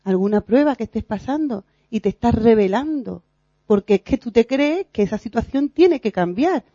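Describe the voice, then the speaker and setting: A woman giving an informal sermon at a prayer meeting, earnest and animated, sometimes laughing at herself. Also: a little high, moderate pace, no echo. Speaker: lay preacher in a prayer meeting. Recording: dull lo-fi recording.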